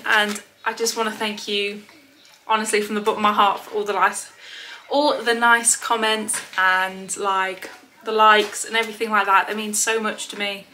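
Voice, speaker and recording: A woman's voice: mid-range voice, bright, forceful tone, poor audio. A British woman chatting casually to camera as a haul vlogger, slightly out of breath, rambling with lots of ums. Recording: clear background noise with clicks.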